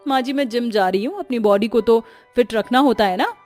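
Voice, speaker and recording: Woman doing a young cartoon bahu, patient but fed up, pleading, soft music behind. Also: a little high, brisk, natural voice. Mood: pleading, exasperated. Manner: pleading, scolding tone. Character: patient, sensible young daughter-in-law.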